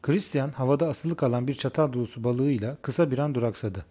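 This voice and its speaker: A male narrator reading a first-person novel aloud for an audiobook. His delivery is calm and even, and his voice is mellow and warm at a middle pitch. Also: quick pace, slightly rough.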